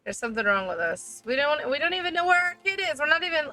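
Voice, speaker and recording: A woman's voice: high-pitched, sing-song, fast, bright, forceful tone, faint music behind. A woman giving casual, exasperated and sarcastic commentary while she plays through a game. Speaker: gaming video host.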